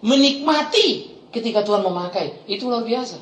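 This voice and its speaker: A middle-aged man preaching a sermon as a pastor, animated, swinging between loud exclamations and quiet asides and laughing often. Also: high voice, normal speed, a little hiss or hum. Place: church hall. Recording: echoey church hall.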